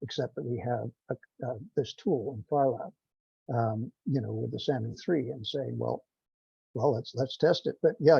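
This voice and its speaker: There's vocal fry in this man's warm, husky mid-range voice, recorded dry. As a non-scientist involved in the project, he speaks informally during a technical teleconference, trailing off, hesitating and running himself down. The sound is dull and lo-fi, typical of a conference call.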